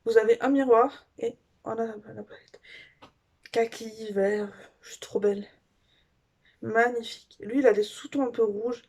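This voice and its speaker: A woman beauty vlogger casually chats through a makeup haul review, gushing and filling pauses with little fillers. Her voice is on the high side, steady and darkish, and the audio sounds dull.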